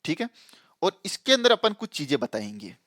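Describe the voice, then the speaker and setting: A man teaches a coding lesson in a relaxed, conversational way. His voice sits a little high and the recording is dry and close. He repeats key ideas and often asks if the listener understands. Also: moderate pace, dry recording. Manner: explains with repetition and frequent checks on the listener. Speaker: programming tutor. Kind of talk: casual explanatory lesson.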